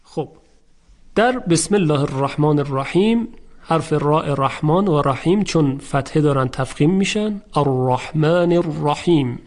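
Male recitation teacher, somewhat high-pitched, measured and patient, slows down to show each word. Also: expressive. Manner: measured, repeats words slowly to demonstrate. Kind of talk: recitation lesson, explaining rules and chanting verses.

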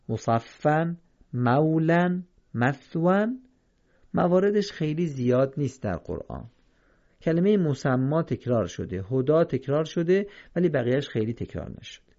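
A man with a gravelly, dark voice teaches a lesson on reciting the Quran. He goes slowly and carefully, repeating each example and contrasting correct and wrong readings. The recording sounds dull and lo-fi. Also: on the high side.

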